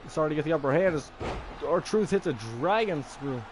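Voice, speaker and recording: Brief: slightly high-pitched man, casual gaming play-by-play, noisy desk mic setup. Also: moderate pace. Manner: relaxed play-by-play wrestling commentary with fillers. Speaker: gaming video creator. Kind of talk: casual let's-play commentary.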